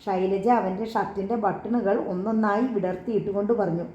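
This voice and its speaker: A woman reading a novel aloud in steady, measured narration. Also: medium pitch, roomy sound, muffled recording. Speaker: audiobook narrator. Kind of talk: scripted story narration.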